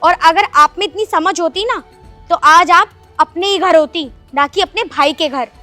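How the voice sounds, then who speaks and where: An actress with a Haryanvi accent playing an outspoken married niece who answers back cuttingly. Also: female voice, extremely high pitch, moderate pace, bright, forceful tone, dry recording, faint music behind.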